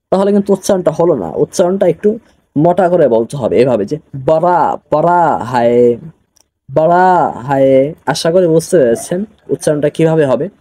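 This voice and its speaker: Man teaching a slow word-by-word lesson. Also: high voice, dark tone. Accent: Bangladeshi Bengali. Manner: slow word-by-word translation drills, repeating phrases. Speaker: religious studies teacher. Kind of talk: online classroom lesson.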